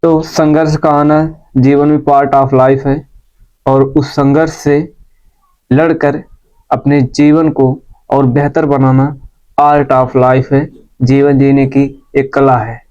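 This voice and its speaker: Slow, deep-toned male grammar teacher. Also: level tone, a little mellow, smooth. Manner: slow, deliberate, repeats points for students. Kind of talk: classroom lesson. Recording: dull lo-fi sound.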